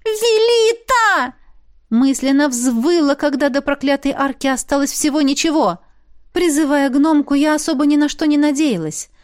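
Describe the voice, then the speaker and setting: A woman reading a first-person fantasy audiobook in a lively, expressive way. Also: high-pitched, dry recording, clean studio sound. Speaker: audiobook narrator.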